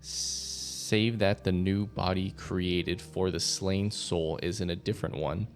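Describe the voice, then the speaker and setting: A man playing in a tabletop role-playing game, speaking and reading aloud in a measured, grave way. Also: sits low, steady tone, slight background noise. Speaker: player.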